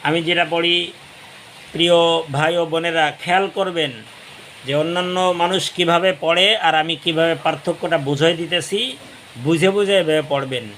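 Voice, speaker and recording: A man teaching Quran reading, spelling letters slowly, then explaining in quick bursts, sometimes chanting verses melodically. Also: fairly high pitch, fairly even intonation, a bit bright, a little hiss or hum.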